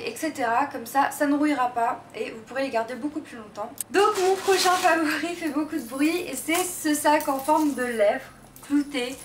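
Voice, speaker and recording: A young woman with a fairly high voice and a slight lisp, talking casually like a beauty vlogger. She gushes in slangy, informal phrases. The recording is roomy and a little distant from the mic, with faint noise. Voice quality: slight lisp from tongue piercing. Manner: gushing, slangy. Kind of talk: casual chat to viewers.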